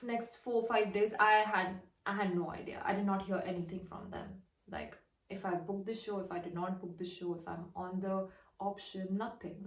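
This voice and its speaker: A young woman in her twenties from India, with an Indian English accent, chatting casually as she tells a story and acts out the dialogue. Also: medium pitch. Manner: chatty, retells dialogue with "I'm like". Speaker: fashion model. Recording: roomy, distant mic.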